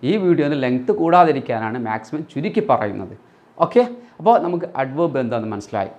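Lively teacher explaining grammar. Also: male voice, mid-range voice, fast talker. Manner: asks questions and answers them himself; mixes English words into his explanations. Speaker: English teacher. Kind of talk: explaining grammar in a recorded lesson.

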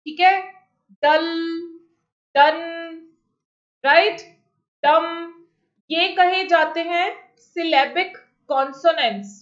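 A woman teacher running an exam-prep class, reading questions slowly in English and explaining quickly in Hindi, often repeating herself. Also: very high voice, fairly bright tone. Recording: echoey, dull lo-fi audio.

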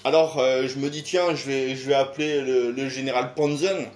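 A man's voice: medium pitch, fairly even intonation, moderate pace, darkish tone. A middle-aged man with a French accent, rambling in a casual video monologue, full of sighs, fillers and rhetorical questions. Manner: hesitant, lots of filler sounds and sighs. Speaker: YouTuber.

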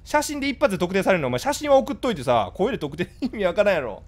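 A man with a Kansai accent chatting casually with his live-stream viewers, blunt and scolding in rapid-fire retorts. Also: sits high, very animated. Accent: Kansai Japanese.

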